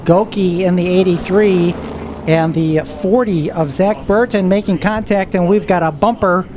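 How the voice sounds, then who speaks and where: A woman's fairly low voice carries unhurried live commentary on a stock car race from her trackside announcer's spot. Loud vehicle noise from the race cars and the track fills the background.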